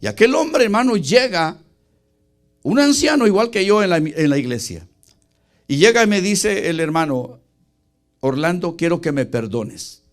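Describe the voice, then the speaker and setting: A middle-aged male pastor preaches in a church. His voice sits fairly high for a man, and he tells his story earnestly, acting out the dialogue and calling the congregation brother. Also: lively intonation, normal speed. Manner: earnest, retells dialogue, addresses listeners as brother. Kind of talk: sermon storytelling.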